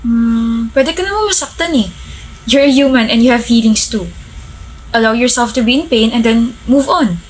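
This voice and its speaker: A woman with a Filipino accent, playing a gentle, teasing young male college friend who speaks softly. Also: on the high side, normal speed, a little hiss or hum, natural voice, low-quality recording. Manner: gentle, soft-spoken, teasing.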